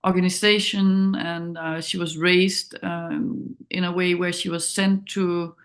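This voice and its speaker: A documentary director from Denmark gives an interview in a lowish voice that barely shifts in pitch and moves a little slowly. Her Danish accent comes through as she reflects, hesitates, and searches for the right words.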